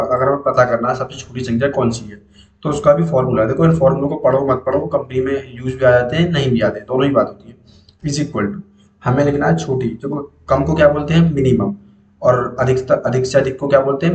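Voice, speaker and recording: A man's voice: mid-range voice, a little mellow, roomy sound. A man teaching spreadsheet basics step by step, asking and answering his own questions. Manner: explains step by step, repeats questions to students. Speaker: computer teacher. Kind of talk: screen-recorded spreadsheet tutorial.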